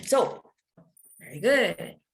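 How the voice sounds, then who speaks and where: A woman's voice: mid-range voice, very animated, drawn-out words, creaky, slight background noise. Patient woman teaching online. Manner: patient, explains with everyday examples and checks in with students. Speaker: English teacher. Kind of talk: online class, switching between English and Spanish. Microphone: computer mic on a video call.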